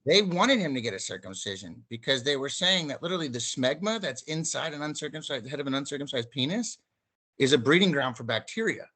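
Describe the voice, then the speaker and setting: A man's voice: mid-range voice, animated, fast, bright, forceful tone. A man co-hosting a podcast, chatting casually and jumping in eagerly. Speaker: podcast co-host. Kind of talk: casual chat.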